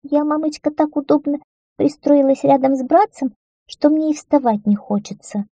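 A woman's voice: high voice, moderate pace, mellow, no echo, voice pushed up. A woman voicing a spoiled, lazy little girl in a children's story, whiny and reproachful.

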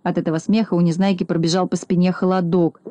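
Calm woman reading a storybook, dark tone. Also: on the low side, fast. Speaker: audiobook narrator.

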